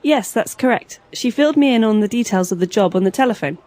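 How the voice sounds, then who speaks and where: A woman's voice: a little high, lively intonation, quick pace, a little mellow, dry recording, natural voice. A woman playing a polite job applicant who answers agreeably in a scripted lesson dialogue.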